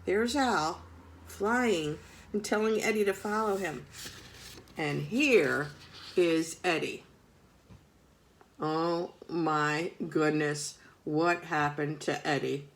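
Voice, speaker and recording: A woman's voice: deep voice, slow, pauses often, a little hiss or hum, poor audio. A woman reading a picture book aloud to young children, adding chatty asides to the children. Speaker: storybook reader.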